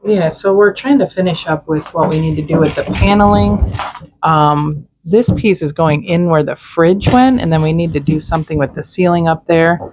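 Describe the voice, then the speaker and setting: A woman's voice: sits low, normal speed, background noise. A woman hosting a casual project vlog, chatty and joking as she narrates the work. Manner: chatty, joking, laughs easily. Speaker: vlog host.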